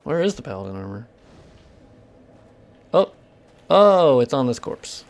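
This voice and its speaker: A man's voice: mid-range voice, big pitch swings, measured pace. A man streaming gameplay live, talking casually with his viewers, swearing freely and explaining technical details between reactions. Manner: casual and profane, chatting with viewers while playing. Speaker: game streamer.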